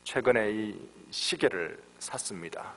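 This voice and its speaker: A man in his forties, a guest pastor from Daegu with a Gyeongsang accent, preaching a sermon with lively storytelling and emphatic peaks. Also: lowish voice, measured pace. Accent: Gyeongsang Korean. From Daegu, South Korea. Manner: animated storytelling, acts out voices, rising to emphatic peaks. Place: church sanctuary. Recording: long hall reverb.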